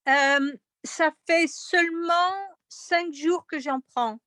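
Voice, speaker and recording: A woman's voice: high voice, takes it slowly, sharp tone, no room sound, studio quality. A woman giving an informal personal testimonial as a participant in an online meeting.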